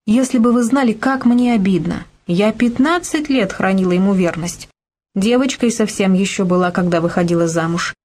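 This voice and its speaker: A woman's voice: mid-range voice, normal speed, a little mellow, close to an everyday voice. A woman voicing a sad, wealthy middle-aged wife who sighs and laments her lost standing. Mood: despairing. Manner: sighing, plaintive, lamenting.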